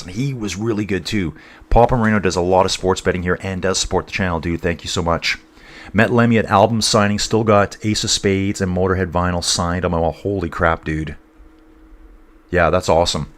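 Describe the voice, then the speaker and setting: A man from North East England, his voice on the low side, hosts a relaxed cycling livestream. He wanders between commentating on the race and reading viewers' chat messages aloud, calling everyone "dude" and "guys."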